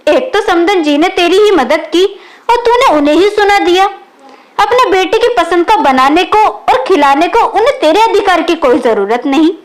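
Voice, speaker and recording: A woman's voice: very high-pitched, animated, normal speed. A woman reading the lines of a wise, loving older mother who is firm with her daughter, in a storybook reading.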